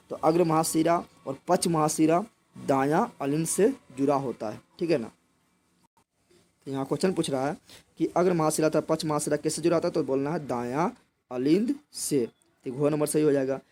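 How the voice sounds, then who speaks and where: Young guy w a teaching exam prep, kinda high voice, keeps asking n answering his own questions. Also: mellow. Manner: repeats each point as a question, then answers it.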